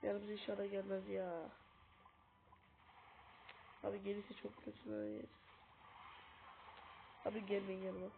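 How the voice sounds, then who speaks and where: A woman's voice: mid-range voice, big pitch swings, unhurried, gravelly, pauses often, a little hiss or hum. Chatty woman on tinny tablet audio. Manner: chatty, keeps calling out to viewers as friends. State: sick. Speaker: gaming video host. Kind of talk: casual gameplay commentary. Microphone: tablet's built-in mic.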